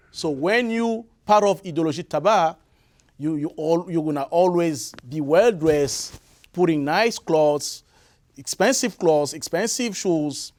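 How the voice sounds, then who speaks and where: A musician from the Republic of the Congo, whose first language is Lari, answers interview questions in a radio or TV studio. His voice is a little high with a darkish tone, and he speaks haltingly, with many fillers and restarts.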